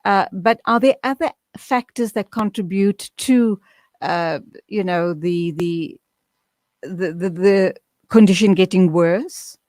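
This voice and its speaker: Calm woman radio host, dry sound. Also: on the low side, takes it slowly, no echo. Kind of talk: radio interview.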